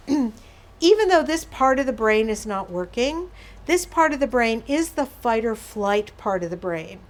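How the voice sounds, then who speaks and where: A woman's voice: on the high side, very animated, a little slow. A woman presenting a workshop to an audience, explaining patiently with everyday examples and asides. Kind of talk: educational talk on behaviour management.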